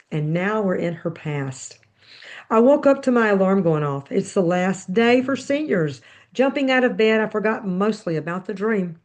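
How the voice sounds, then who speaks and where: A woman with a mid-range voice reads a story aloud for a podcast, pausing now and then to speak to her listeners. Her delivery is measured and expressive. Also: medium pitch. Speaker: podcast host. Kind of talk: reading her book aloud with brief commentary.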